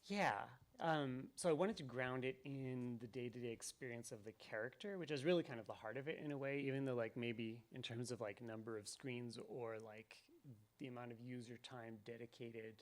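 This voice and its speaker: A game developer giving live commentary to an audience, talking in a thoughtful, rambling way with many ums and restarts. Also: male voice, medium pitch, normal speed. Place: event venue with audience.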